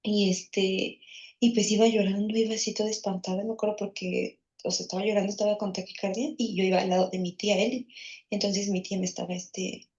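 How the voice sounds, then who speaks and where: A woman's voice: medium pitch, little pitch movement, brisk, darkish tone, muffled recording. A woman with a Mexican accent recounting a childhood memory, rambling with many fillers and restarts. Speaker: guest in a therapy session. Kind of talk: personal storytelling.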